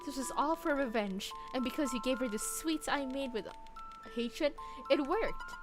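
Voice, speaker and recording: A woman voicing a bitter, scheming mother taking revenge, speaking in a quiet, cold, contemptuous tone. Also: high-pitched, normal speed, music in the background, close to an everyday voice. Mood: coldly vengeful.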